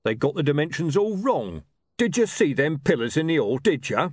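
Casting: male reader doing a brash cursing thug, loud, punchy, lively pitch, dry close sound. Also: normal speed, breathy edge, no room sound. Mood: gruff. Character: loud, coarse, swearing male thug with a love of art.

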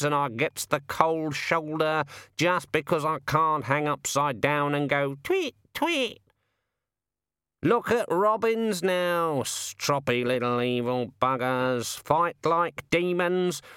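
Man putting on a cocky raven, higher voice, slow drawl, grumbly and chatty, dry close sound. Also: fairly bright tone, clear, resonant tone, no room sound. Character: cocky talkative male raven, working-class.

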